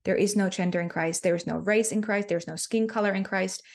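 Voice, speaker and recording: A Finnish-accented woman, appearing as an interview guest, talks earnestly about spiritual ideas, repeating herself and using many fillers. Her mid-range voice is steady and brisk.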